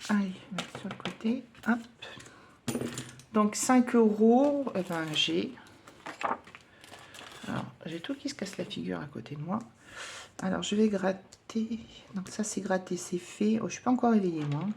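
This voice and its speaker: A woman's voice: medium pitch, expressive, normal speed, vocal fry, darkish tone, a little hiss or hum. A woman vlogger at home, chatting casually and hesitantly with many fillers while counting coins for her budget challenges.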